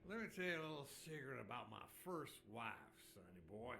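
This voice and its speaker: A man's voice: medium pitch, very animated, brisk, gravelly, pushed and bright, slight background noise, heavily acted. An actor playing a boisterous old Texan man in a video game, drawling with cackling laughter, over game music. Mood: boastful. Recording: game audio under music.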